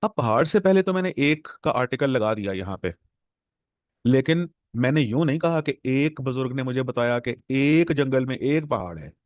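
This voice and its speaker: A man with a Pakistani Urdu accent gives a classroom lecture on translation at a measured, patient pace. He drills words by repeating them slowly, and his voice sits at a middle pitch. The sound is dry and close, with no room echo. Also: animated. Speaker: English professor lecturing exam aspirants.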